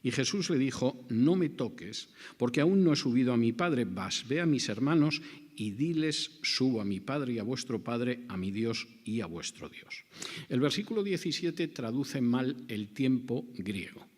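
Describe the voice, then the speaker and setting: A male preacher works through scripture in a dramatic, rhetorical way, often acting out the dialogue. His pitch swings widely from phrase to phrase at a medium overall height. The voice carries a long reverberant tail, as if in a large hall. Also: big pitch swings, measured pace. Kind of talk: expository sermon.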